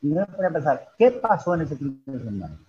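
A priest, animatedly telling a story and acting out the voices of the people in it. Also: male voice, a little high, quick pace, muffled recording. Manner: animated, acts out quoted voices. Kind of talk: storytelling on a podcast.

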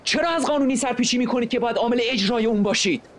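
A man's voice: very high voice, slight background noise. A man voicing a frail, pale young husband who protests earnestly and formally. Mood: indignant.

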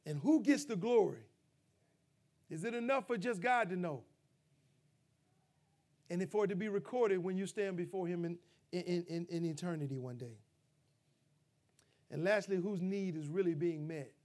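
A middle-aged male pastor preaching a sermon, rising to loud, emphatic peaks and dropping to low, quiet asides. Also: normal speed, long pauses.

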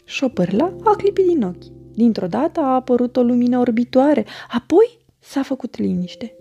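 A woman narrating a children's storybook with a gentle, expressive reading. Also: on the high side, creaky, slightly rough, lo-fi sound, soft background music.

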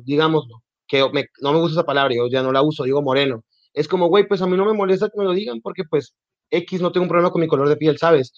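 A man with a mexican accent telling stories on a podcast, slightly high voice, acts out what people said to him, dull dry recording. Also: no echo. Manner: animated storytelling, acts out quoted dialogue. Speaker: podcast guest. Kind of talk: casual podcast conversation.

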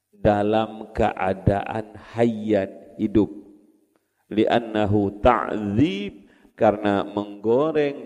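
A man's voice: lowish voice, darkish tone. A middle-aged man with a Javanese accent, teaching a religious study lecture in a folksy, humorous way and acting out the stories. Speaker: Islamic cleric teaching classical texts. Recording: hall with long reverb.

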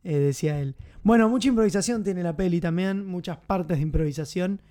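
Chatty Argentine man with a high voice. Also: a little fast, warm tone. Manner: chatty, enthusiastic, many fillers. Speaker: film commentator host. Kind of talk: casual film commentary.

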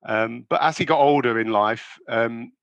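A middle-aged man who grew up in England talks through his background as a guest author. His voice is bright and forceful, recorded dry and close, and he keeps pausing, filling with ums and starting his sentences over. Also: medium pitch, creaky, no room sound, dull audio. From born in the USA, raised in England. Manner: halting, many ums and restarts. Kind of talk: conversational interview.

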